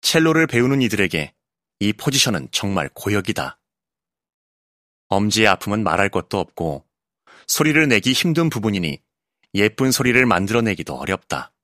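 A male voice actor reading an essay audiobook in a calm, clear narrating voice, recorded close in a studio booth. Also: on the low side, moderate pace, pauses often, no room sound. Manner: calm, clear narration with lively, expressive intonation.

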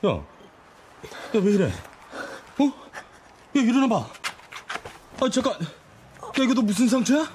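A young man acting as a brash, swaggering older stepbrother with a husky voice. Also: very high voice, expressive, slow, long pauses, a little mellow, a little hiss or hum, full character voice. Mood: angry then worried. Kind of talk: drama acting.

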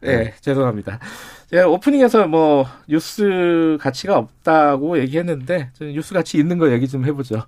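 A man with a slightly hoarse, gravelly voice hosting a current affairs radio programme. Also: on the high side, lively intonation, moderate pace, few pauses, darkish tone, dry recording, studio quality. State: throat still hoarse after illness. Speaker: temporary radio show host. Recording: music behind the voice. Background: programme music.

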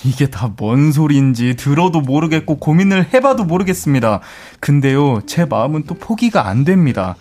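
A man co-hosting a radio show who chats casually and reads out listener stories, animated and self-deprecating. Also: on the high side, moderate pace, hardly any pauses. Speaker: radio co-host. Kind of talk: casual talk and story reading.

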